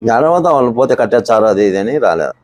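A man, a bull owner and farmer, telling stories in an interview in a rapid rural way. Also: mid-range voice, animated, a little mellow, dry recording. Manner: rapid rural storytelling, re-enacts quoted speech. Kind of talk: storytelling in an interview.

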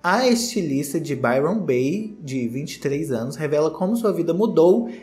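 A man's voice: fairly high pitch, animated, normal speed, darkish tone, faint music behind. A man in his thirties with a Brazilian accent, giving casual gossip commentary in a sassy, theatrical, slangy way. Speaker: commentary video host. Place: small indoor home studio.

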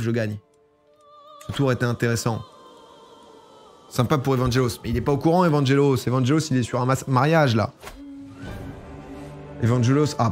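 A man's voice: medium pitch, a little mellow. A man casually commenting while he plays a strategy game, chatting and reading game text aloud. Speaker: gaming streamer. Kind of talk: casual let's-play commentary.

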